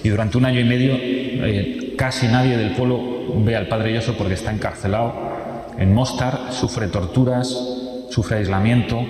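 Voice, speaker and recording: A man's voice: medium pitch, fairly even intonation, normal speed, a little mellow. A man from Spain with a Spanish accent, telling a story in a testimony talk, vivid and repeating phrases as he goes. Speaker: speaker giving a testimony. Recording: echoey hall with long reverb.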